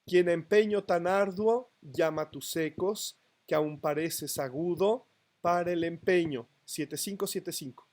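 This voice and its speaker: A man's voice: a little high, measured pace, darkish tone. A man lecturing on poetry to a class, counting syllables aloud and checking that students follow. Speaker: literature teacher. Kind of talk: university lecture.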